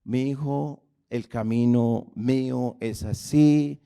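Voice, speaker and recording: A man voicing the Lord as a patient, gentle father speaking softly and slowly to his child. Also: a little high, wildly swooping pitch, gravelly, voice pushed down, exaggerated voice. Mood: gentle rebuke.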